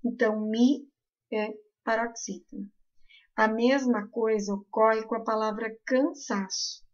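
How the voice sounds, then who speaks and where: A woman teacher with a southern Brazilian accent, explaining a grammar lesson slowly and carefully to her class. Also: on the high side, steady tone, lo-fi sound. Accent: southern Brazilian Portuguese.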